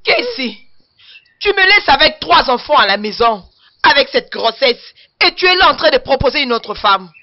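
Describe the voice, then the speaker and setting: A woman's voice: high voice, big pitch swings, normal speed, a little hiss or hum. A woman dubbing an outspoken betrayed wife who scolds her husband. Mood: furious. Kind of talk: French-dubbed film acting. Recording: dull lo-fi dub with music behind.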